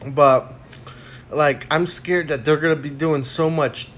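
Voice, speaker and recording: A man's voice: fairly high pitch, steady tone, a little slow, fairly bright tone, slight background noise. A man ranting crudely and rambling with lots of fillers in a casual livestream, talking into a phone while eating. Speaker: vlogger.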